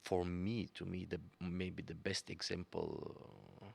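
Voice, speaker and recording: Pianist guy, super low gravelly voice, keeps pausing w ums to find words. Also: level tone. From Bulgaria. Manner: searching for words, many fillers. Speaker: guest pianist. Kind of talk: conversational interview.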